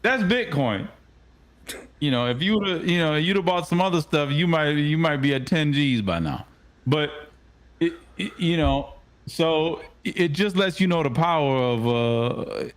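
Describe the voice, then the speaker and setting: Lively halting man, guest on a stream. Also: fairly high pitch. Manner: halting, fillers and restarts. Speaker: guest co-host. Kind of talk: casual finance chat.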